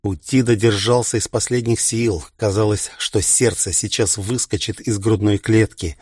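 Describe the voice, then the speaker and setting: A man narrating a science fiction audiobook in a measured, even reading. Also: lowish voice, slightly rough, no echo, studio quality. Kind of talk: scripted narration.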